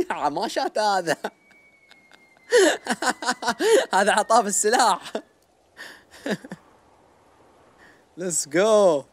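A man giving excited let's-play commentary, shouting his reactions. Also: high-pitched, extremely slow, long pauses. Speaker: gaming youtuber.

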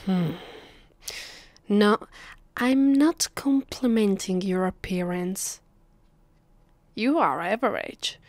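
An Italian ASMR voice actress plays a haughty, possessive vampire mistress speaking to her captive in a close, hushed, often whispered roleplay, condescending and commanding. Her mid-range voice is close to an everyday voice, and she speaks slowly with frequent pauses into a close microphone on a dry recording.

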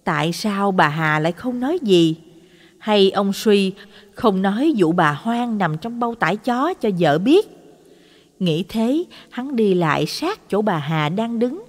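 A woman storyteller reading a horror story in a dramatic, expressive way. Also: medium pitch, unhurried. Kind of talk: scripted horror story narration. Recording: long hall reverb.

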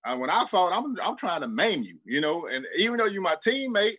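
A breathy, high-voiced man talks fairly quickly as a guest on a sports talk show. He's a Southern-accented former football player from Birmingham, Alabama, and his storytelling is animated, profane, and loose, leaning heavily on "like."

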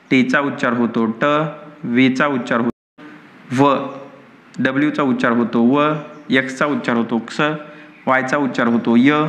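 Male teacher, deliberate and unhurried, calls out letter sounds one by one in an echoey room. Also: mid-range voice, bright, forceful tone. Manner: slow measured drilling of letter sounds. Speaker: English teacher. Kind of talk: phonics lesson read aloud.

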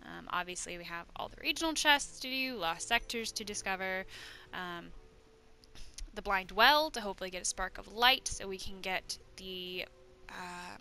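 Bright-voiced woman gaming host. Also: medium pitch, expressive, moderate pace. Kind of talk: casual let's play commentary.

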